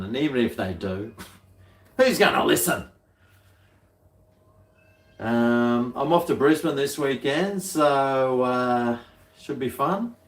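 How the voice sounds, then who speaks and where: A middle-aged man with an Australian accent chatting casually on a livestream, laid-back, blokey and full of slang. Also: on the low side. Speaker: livestream host. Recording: roomy, echoey sound.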